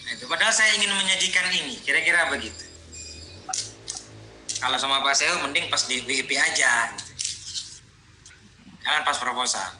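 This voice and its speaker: A man's voice: mid-range voice, a little fast, pauses often, sharp tone, reverberant, slight background noise, poor audio. A man giving a rambling online lecture on research proposals, addressing his listeners directly.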